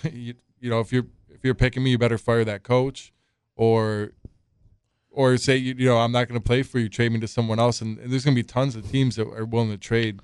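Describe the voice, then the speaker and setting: A man's voice: mid-range voice, flat delivery, a little fast, darkish tone, smooth, no echo, studio quality. A man co-hosting a casual sports podcast, talking through picks with lots of "you know" and restarts. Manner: hesitant, lots of fillers and restarts. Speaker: podcast co-host.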